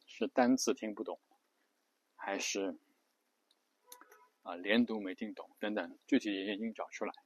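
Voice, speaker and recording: A man's voice: fairly low pitch, moderate pace, long pauses. A man hosting an English-learning channel, explaining a study method in a casual spoken lesson, hesitant and full of restarts and fillers. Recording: muffled, lo-fi dry recording.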